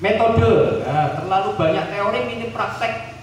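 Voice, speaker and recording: A man's voice: high-pitched, unhurried, a little hiss or hum. Joking Javanese-accented man in echoey hall. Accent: Javanese-tinged Indonesian. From Central Java, Indonesia. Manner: joking, animated, drops into playful mock dialogues. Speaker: guest speaker at a seminar. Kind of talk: lively seminar talk. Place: large hall at a boarding school. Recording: echoey hall recorded from far off.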